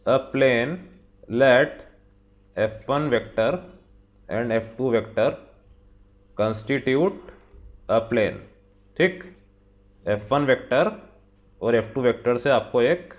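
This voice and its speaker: A man teaching physics in a step-by-step lesson, patiently explaining each point to his students and slowly reading out the problem. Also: medium pitch. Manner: slow, patient, talks the viewer through each step; reads the question text slowly, word by word. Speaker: physics tutor. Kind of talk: whiteboard lesson, mixing Hindi and English.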